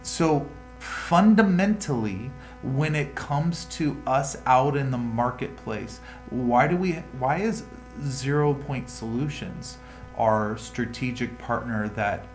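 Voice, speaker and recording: A man's voice: mid-range voice, slow pace. A man hosting a livestream, reading news headlines aloud and riffing on them in a rambling, casual way. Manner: rambling, reads headlines then riffs. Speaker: livestream host. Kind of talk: casual crypto news chat. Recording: echoey room with music behind.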